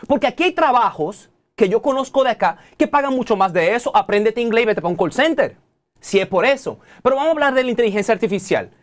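A man in his thirties with a Dominican Spanish accent speaks as a guest in a TV studio interview. His pitch swings widely as he lectures the audience in an animated, preachy way and keeps calling out to them directly. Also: fast. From Dominican Republic. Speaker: technology guest.

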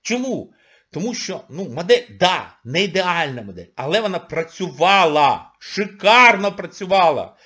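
A man's voice: fairly high pitch, bright, forceful tone, breathy edge. A man, an economist, giving a sarcastic, scolding video monologue full of exclamations.

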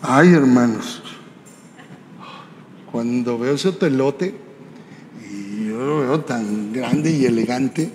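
A man preaching a sermon, telling a personal story in a conversational way and often tagging his lines with a quick question. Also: medium pitch, lively intonation, a little mellow. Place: church hall. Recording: reverberant church hall, faint background noise.

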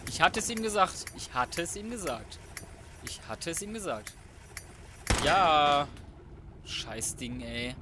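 A slightly high, animated male voice speaks slowly, pausing often, against a noisy background of video game music and sounds. The let's player's commentary is slangy, casual and cocky, with lots of muttering to himself.

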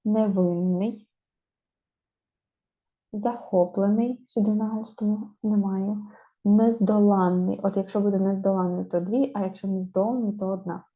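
A woman teaches a spelling lesson in a deep, mellow tone. She slows right down to draw out each example word for stress. The recording sounds dull and lo-fi. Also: flat delivery. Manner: slow, drawn-out stressing of example words.

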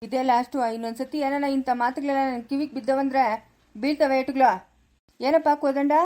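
A stern but caring old village grandfather, played by a woman, lectures in a firm voice with a rural Chikkaballapura Kannada accent. The voice sits high and the words come fast. It is a homemade village family skit. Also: fairly even intonation, warm tone, close to an everyday voice. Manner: scolding, advising in a firm lecturing tone.

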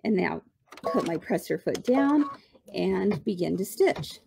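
Creaky-voiced, chatty woman hosting home shopping. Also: mid-range voice, lively intonation, measured pace, noisy background. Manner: chatty, enthusiastic, checks in with viewers. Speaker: host of a live embroidery demonstration and sales show. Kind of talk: casual home shopping host chat, live craft demonstration.

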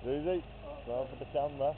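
A man's voice: medium pitch, fast talker. A man filming friends outdoors, chatting cheerily and encouraging them, heard through old camcorder audio. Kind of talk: casual home video chat. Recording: tinny lo-fi camcorder audio with faint hiss.

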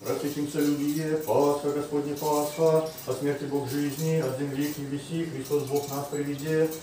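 Middle-aged man, Orthodox priest, slow sung chant, mellow tone; echoey room recording, camera far off. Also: a little high, little pitch movement, a little hiss or hum. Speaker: Orthodox hieromonk. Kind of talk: chanted liturgical prayer. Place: small tiled room of a house.

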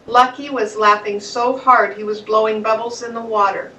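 Woman reading children's story aloud, bright tone, faint background hiss. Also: fairly high pitch, fairly even intonation, normal speed, far from the mic, dull audio. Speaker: narrator.

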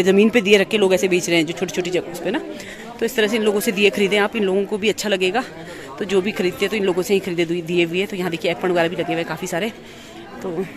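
A woman walking through an outdoor market and vlogging on a handheld phone. She talks casually, repeats herself and corrects herself as she goes. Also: medium pitch. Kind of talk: walking market tour vlog. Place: busy outdoor hill-town market. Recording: crowd noise from a busy street. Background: crowd chatter.

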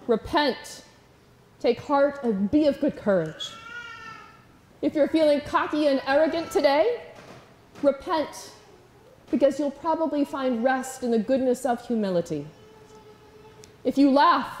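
A high-voiced woman delivers a funeral sermon, her tone soft and mellow rather than bright. She preaches in a measured, rhythmic cadence built on repeated calls. The sound carries the echo of a large church. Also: slight background noise. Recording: echoey church room.

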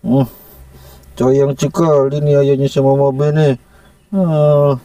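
A man casually vlogging to his viewers about his pet monkey, talking gently and coaxing it with soft chuckles. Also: medium pitch, level tone, slow, dry recording, far from the mic. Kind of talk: casual vlog narration to viewers.

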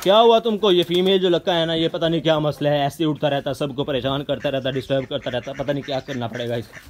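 A man, narrating a casual pet vlog outdoors and coaxing his birds with quick repeated calls. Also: medium pitch, steady tone, slight background noise. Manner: fast, chatty, coaxing animals with repeated calls. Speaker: pet vlogger. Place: outdoor yard with bird cages, aircraft passing overhead.

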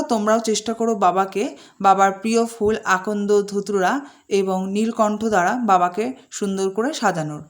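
A woman calmly guiding a home worship ritual step by step, slowing to chant short Sanskrit-style mantras between her instructions. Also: mid-range voice. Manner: calm, measured, slows down to chant mantras. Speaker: puja instructor.

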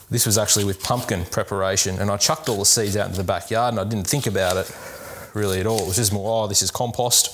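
A young man hosting a cooking lesson in a home kitchen, chatting casually and upbeat to viewers while he chops vegetables. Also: lowish voice. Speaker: cooking show host, sports dietitian. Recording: kitchen clatter and chopping noise. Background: knife chopping on board, dishes clinking.

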